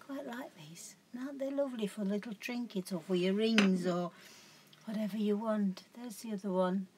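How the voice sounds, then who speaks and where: A woman's voice: mid-range voice, moderate pace, a crowd in the background. A woman casually showing her crafts at home, rambling and correcting herself as she goes. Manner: rambling, chatty, self-correcting. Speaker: craft vlogger. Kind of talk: casual show-and-tell chat.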